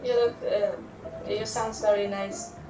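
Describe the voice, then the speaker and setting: A woman's voice: mid-range voice, level tone, unhurried, warm tone, faint music behind, rough recording. A young woman from Poland, giving shy, brief replies in a video chat. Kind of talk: casual video-chat conversation. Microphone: video call.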